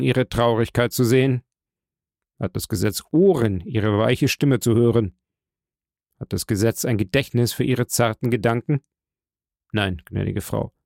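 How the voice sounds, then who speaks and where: Man doing a bitter prosecutor, gravelly, dry firmness, feverish oratory. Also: medium pitch, darkish tone, no echo. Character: stern, bitter male state prosecutor, fervent.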